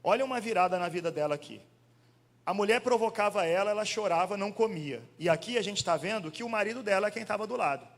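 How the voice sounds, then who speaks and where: A male pastor preaching a sermon in an animated, conversational way, firing questions at the congregation. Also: high-pitched, fast talker. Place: church hall. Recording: long church hall reverb.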